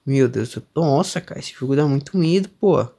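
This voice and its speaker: A man's voice: a little high, lively intonation, fairly quick, gravelly, dark tone. A young man with a Brazilian accent doing let's-play commentary on a horror game, nervous and jumpy, exclaiming often as he goes. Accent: Brazilian Portuguese. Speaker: gamer streamer.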